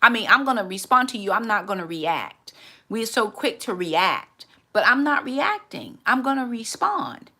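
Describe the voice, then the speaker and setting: Earnest woman in her forties with a gravelly edge. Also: fairly high pitch, big pitch swings, moderate pace, bright, forceful tone. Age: 40s. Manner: earnest, candid, repeats words while gathering thoughts. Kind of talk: reflective faith talk.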